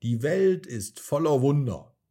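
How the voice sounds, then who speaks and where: A cheerful, gentle young woman from a children's storybook, speaking softly and reassuringly, as a male narrator puts her on. Her tone is soothing and patient, with a husky edge. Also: medium pitch, big pitch swings, slow, voice pushed up.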